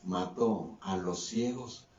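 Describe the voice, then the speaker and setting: Distant echoey pastor preaching. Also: male voice, takes it slowly, a little mellow, a little hiss or hum. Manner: preaching with swings between raised and lowered voice. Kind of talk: sermon. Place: church hall. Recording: distant echoey church mic, dull sound.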